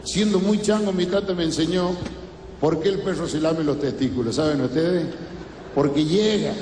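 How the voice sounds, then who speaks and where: A man with a Cordobés Argentine accent doing a folksy comic monologue, telling stories slowly. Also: fairly high pitch, reverberant, background noise. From Córdoba, Argentina. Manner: folksy, storytelling, slow and relaxed. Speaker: stand-up comedian.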